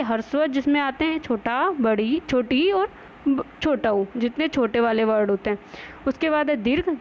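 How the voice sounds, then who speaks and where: High-voiced woman teaching grammar. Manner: asks questions and answers them herself, mixing in English words. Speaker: Hindi teacher. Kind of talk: grammar lesson. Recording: dull lo-fi recording with faint noise.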